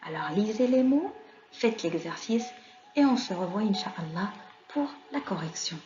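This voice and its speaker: A woman's voice: mid-range voice, lively intonation, measured pace, mellow. A woman teaching a reading lesson to children, patiently spelling out syllables and asking the children questions. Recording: slightly dull sound with faint music.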